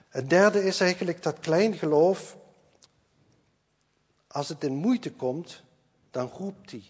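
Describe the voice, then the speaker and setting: Older male preacher, husky, reverberant hall. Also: a little high. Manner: earnest, repeats key phrases, swings between loud stresses and quiet asides. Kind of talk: sermon.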